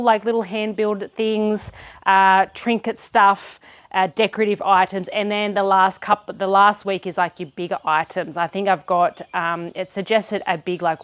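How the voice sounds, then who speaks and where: Woman, Australian accent, medium pitch, casual vlog chat, rambling, thinking aloud. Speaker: potter and studio vlogger.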